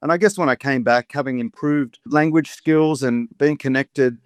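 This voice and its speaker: A man in his thirties with an Australian accent, a poet and rapper, tells stories as an interview guest in relaxed, reflective talk. He's a warm, chatty storyteller full of "you know" asides, speaking at medium pitch and moderate pace with no echo.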